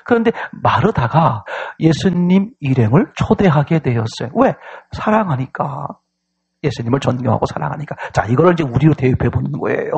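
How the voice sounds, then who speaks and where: A male pastor preaching an animated sermon, often turning to the congregation with questions that ask for a response. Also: fairly high pitch, normal speed, gravelly, slightly rough, dull audio.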